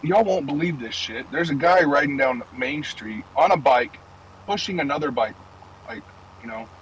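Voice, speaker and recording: A man's voice: on the high side, lively intonation, moderate pace, fairly bright tone, rough recording. Young guy on stream talking from his car, cussing a lot, rambling stories, faint background hum. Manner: loose, profane, rambling storytelling. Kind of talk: casual chat while gaming and driving.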